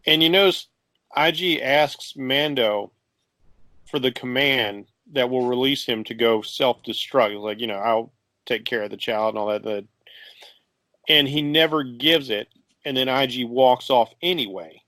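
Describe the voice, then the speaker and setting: A man's voice: mid-range voice, unhurried, bright, forceful tone, dry recording. Rambling male podcast co-host, dry sound. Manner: rambling, lots of fillers, laughs easily. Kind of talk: casual chat.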